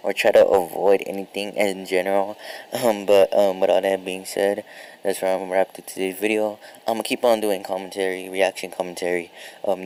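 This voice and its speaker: A man's voice: low voice, darkish tone, smooth, poor audio. A young man casually telling a story to his viewers, with lots of fillers and swearing. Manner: laid-back, filler-heavy, swears often. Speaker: storytime vlogger.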